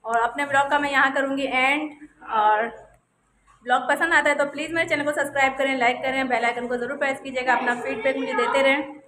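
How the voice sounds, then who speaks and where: A woman's voice: high voice, steady tone, fast. A woman in her thirties with a Pakistani Urdu accent, chatting casually through a vlog and asking about prices as she shops. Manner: chatty, asks prices and comments on goods. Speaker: vlogger. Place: outdoor market, then home room. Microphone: phone camera. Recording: noisy outdoor phone audio.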